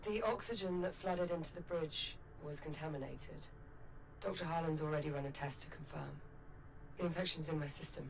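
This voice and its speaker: A woman playing a steady, resolute space captain in a video game, direct, firm and caring. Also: sits low, fairly quick, vocal fry, crowd noise, poor audio. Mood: grave, firm.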